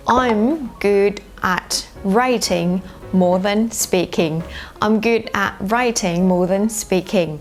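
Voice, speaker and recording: Thai-accented woman, teacher, very slow deliberate delivery, soft music underneath. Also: mid-range voice. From Thailand. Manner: slow, carefully repeated example sentences. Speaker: English teacher. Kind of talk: bilingual lesson explaining grammar.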